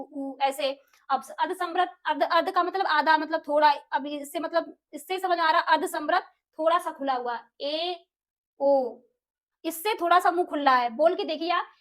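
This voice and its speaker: Woman, young adult, teacher, high-pitched, exam-prep lesson, repeats key terms, asks and answers own questions. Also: fairly bright tone. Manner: repeats key terms, sounds out vowels slowly.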